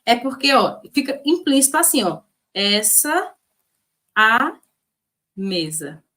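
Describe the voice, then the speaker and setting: Lively chatty female teacher, bright. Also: a little high. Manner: lively, chatty, frequent "ó" and "né", drawn-out stressed words. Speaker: Portuguese teacher. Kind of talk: online exam-prep lesson.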